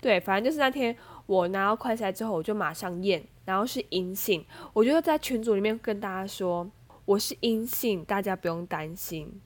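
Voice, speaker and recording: A young woman with a Taiwanese Mandarin accent and a stuffy nose, telling a story as a podcast host in a chatty, animated way with many fillers. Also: medium pitch, moderate pace. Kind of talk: casual storytelling monologue.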